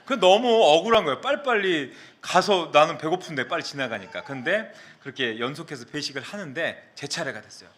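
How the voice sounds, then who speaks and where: A male pastor from the Mokpo area of South Korea, preaching a sermon and telling a personal story in an animated way that acts out the quotes. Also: a little high, a little fast, few pauses.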